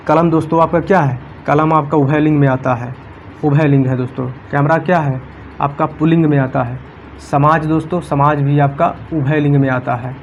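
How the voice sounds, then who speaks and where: A man with a slightly high voice explains grammar questions for an exam, going over every option twice in a steady, repetitive way. The recording sounds dull and lo-fi, with a faint hiss underneath. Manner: repetitive, addresses viewers as friends, walks through options step by step. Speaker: exam-prep teacher. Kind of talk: casual classroom explanation.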